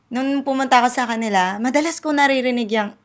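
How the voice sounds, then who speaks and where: A woman's voice: on the high side, quick pace. A woman from the Philippines hosting a podcast in a casual, chatty way, laughing often and acting out quotes. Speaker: podcast host. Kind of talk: casual chat.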